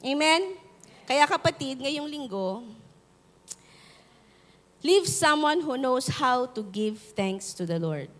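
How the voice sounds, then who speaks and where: Filipino woman pastor, lively call-and-response sermon, high pitch, long church-hall reverb. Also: takes it slowly, pauses often. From Philippines. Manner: mixes Tagalog and English, animated storytelling with call-and-response.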